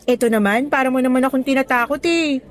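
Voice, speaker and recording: A young woman with a high, quick voice that stays close to how she'd normally talk plays a cheerful new teacher in a radio drama. She comes across as bright, chatty and appreciative, hopeful yet a little nervous.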